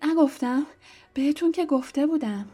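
A woman's voice: on the high side, animated, dark tone, breathy edge, faint music behind. Hermione, a woman playing a bossy schoolgirl. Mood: scolding. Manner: scolding, reproachful. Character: bossy, clever schoolgirl, breathless.

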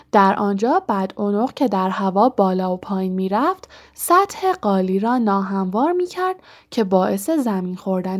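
A woman reading a story aloud in measured narration, sometimes dropping to a soft whisper. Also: medium pitch. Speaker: audiobook narrator. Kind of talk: scripted narration.

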